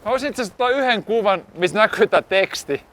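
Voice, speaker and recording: A photographer from southeastern Finland musing casually about his past, outdoors at an airfield. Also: high-pitched. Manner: relaxed, musing with restarts. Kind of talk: casual reminiscing.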